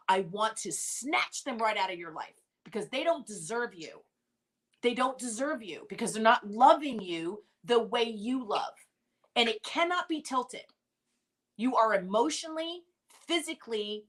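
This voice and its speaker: Emphatic woman host with a higher voice. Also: a bit bright. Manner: emphatic, repeats phrases for weight, blunt with mild swearing. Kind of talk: heartfelt group conversation.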